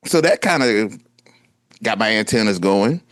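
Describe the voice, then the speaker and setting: A man in his thirties co-hosting a podcast, telling a story in a lively, casual way and acting out what people said. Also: on the low side, measured pace, no room sound. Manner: animated storytelling, acts out quotes. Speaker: podcast co-host. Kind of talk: casual chat.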